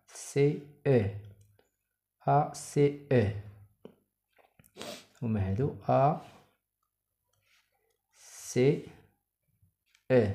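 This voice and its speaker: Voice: medium pitch, warm tone. A teacher with a Moroccan accent giving a primary school French lesson, reading example sentences aloud and explaining them in Darija. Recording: echoey room.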